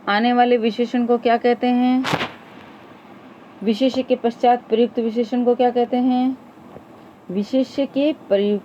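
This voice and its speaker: A woman with a slightly high voice leads an exam-prep grammar lesson. She reads each question and repeats its options aloud, patiently and steadily. A faint hiss of background noise runs under her voice. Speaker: teacher.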